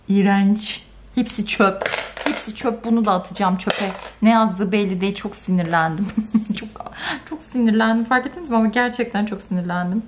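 A young woman vlogging in casual chat, ranting in an animated, exasperated way with sudden high outbursts. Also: moderate pace, slight background noise. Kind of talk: casual vlog chat to camera.

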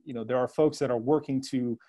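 A man answering as a guest analyst on a discussion panel. He talks in a hesitant way, full of fillers and restarts, and lets dry sarcasm slip into his points. His voice sits in a middle pitch. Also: fairly even intonation, fast, warm tone.

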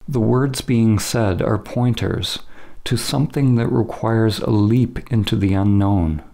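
Here a man, speaking as a teacher, narrates a scripted spiritual meditation with deliberate, measured phrasing and short pauses, his fairly low voice creaky and mellow.

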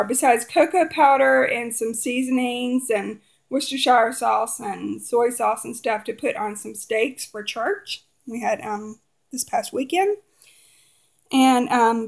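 A woman in her forties talks casually to her phone camera at her kitchen table as she goes through her groceries. Her voice sits a little high and has a gravelly edge, and her chatty, homey delivery is full of little fillers. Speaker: homeschooling mother vlogger. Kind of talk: casual grocery haul vlog. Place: kitchen table at home, indoors.

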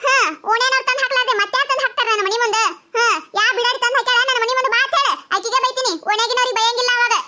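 A woman voicing a loud, quarrelsome young village wife in a cartoon, ranting and scolding in a North Karnataka Kannada accent. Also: fairly even intonation, very fast, few pauses, full character voice. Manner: shrill scolding rant. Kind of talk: cartoon voice acting.

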